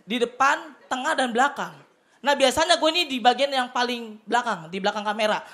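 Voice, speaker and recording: This man, a comedian from Tanjung Priok in Jakarta, Indonesia, has a very high-pitched voice, a brisk delivery, and a colloquial Jakarta Indonesian accent. On a TV studio stage with a live audience, his stand-up is loud and excitable, with punchlines shouted out. Laughter from the audience can be heard behind him.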